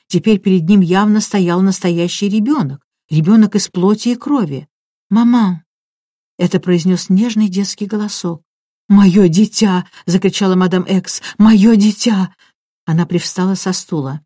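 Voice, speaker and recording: A woman reading a mystery story aloud as an audiobook narrator, in steady, measured narration. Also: fairly low pitch, dry recording, clean studio sound. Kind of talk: scripted narration.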